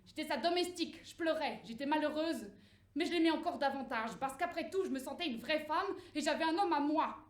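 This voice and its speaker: A woman's voice: brisk, roomy sound, lightly acted. A woman playing a foul-mouthed rag doll. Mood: cursing. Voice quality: shrill, swearing.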